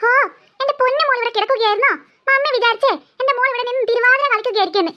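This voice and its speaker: A woman voicing a sharp-tongued, sarcastic middle-aged mother in a cartoon series, scolding her daughter. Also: very high voice, very fast, highs cut off. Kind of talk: cartoon voice acting.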